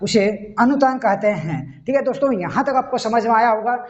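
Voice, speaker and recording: A man's voice: very high voice, animated, fairly quick. A man giving a grammar lesson step by step, often stopping to check that the listener is following. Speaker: Hindi grammar teacher. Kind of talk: classroom-style video lesson. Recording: dull lo-fi recording.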